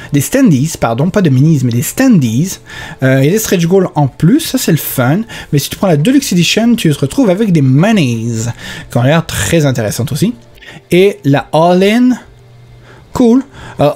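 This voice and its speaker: Chatty Quebec French man, dark voice. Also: high-pitched. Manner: chatty, mixes English terms, self-mocking asides. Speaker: board game news host. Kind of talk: casual screen-share commentary.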